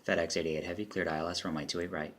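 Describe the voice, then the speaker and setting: A man's voice: deep voice, flat delivery, racing, fairly bright tone. A man speaking as an air traffic controller, mixing clipped phraseology with casual commentary. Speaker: air traffic controller player and demo narrator.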